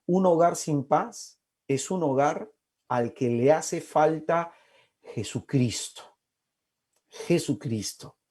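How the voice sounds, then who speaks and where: A man in his forties from Peru preaches with passion. His voice sits somewhat high but sounds dark and mellow. He stresses key words with slow repetition and drops into hushed asides. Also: slightly rough. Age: 40s. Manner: impassioned, with slow emphatic repetitions and sudden soft asides. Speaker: speaker at a faith-based family talk. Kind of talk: preaching talk.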